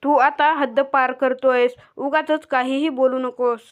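A woman voicing a young wife who insists she is innocent, read in a flat way. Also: high-pitched, measured pace, smooth. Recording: dull lo-fi recording.

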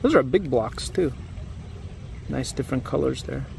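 In a grassy, wooded yard, a man in his thirties reads a picture book to children at normal speed, his medium-pitched, darkish voice lively in intonation with a touch of vocal fry. He uses simple language and sprinkles in chatty asides and questions. Background noise runs through the outdoor camera audio.

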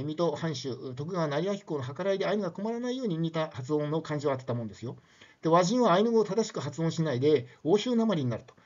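A man's voice: on the high side, darkish tone. Chatty older man lecturing, lo-fi sound. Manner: chatty, frequent tag questions and fillers. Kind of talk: casual spoken lecture.

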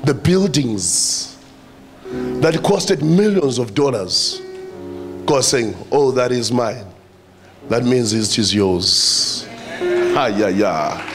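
A man's voice: medium pitch, animated, takes it slowly, long pauses, music in the background. A man with a South African accent preaching a sermon, addressing the church and repeating his phrases for emphasis.

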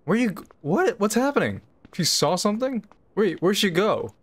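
A woman's voice: mid-range voice, sing-song, moderate pace. A woman hosting a gaming channel, giving casual, sarcastic and bemused commentary and laughing often.

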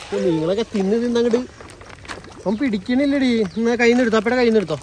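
Man, casual vlog sidekick, rattles off words very fast, noisy outdoor recording. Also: very high-pitched, lively intonation, darkish tone. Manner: rapid, explaining as he goes. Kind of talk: casual family vlog chat. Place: outdoors by a fish pond.

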